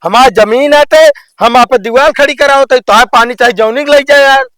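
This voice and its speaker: A stubborn village landowner in a comedy skit, acted by a man, with an Awadhi accent. His voice is very high and clean, closely recorded without room sound, and he argues every point insistently. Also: moderate pace, a bit bright, dry recording. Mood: indignant. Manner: argumentative, insistent. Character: stubborn, quarrelsome village landowner building a wall.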